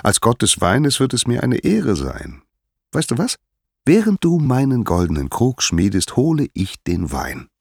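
A man's voice: mid-range voice, huge pitch swings, unhurried, creaky, darkish tone, husky, no echo, studio quality, voice pushed up, exaggerated voice. A man voicing a jovial, sly male god of wine who talks in a cheerful, coaxing way in a storybook reading. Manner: cheerful, coaxing, mock-indignant.

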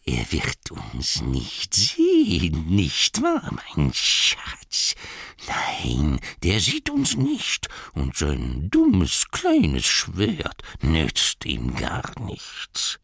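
A male narrator voicing a wretched, greedy cave creature who shrieks, hisses and wails in a slow, drawn-out way. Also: a bass voice, wildly swooping pitch, creaky, a bit bright, breathy edge, no echo, studio quality, heavily acted. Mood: whispering, sly.

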